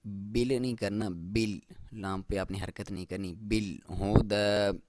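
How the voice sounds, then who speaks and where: A man teaching Quran recitation rules step by step. He explains each rule plainly, then recites the verse slowly in a raised voice. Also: lowish voice, steady tone, background noise. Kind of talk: step-by-step tajweed lesson.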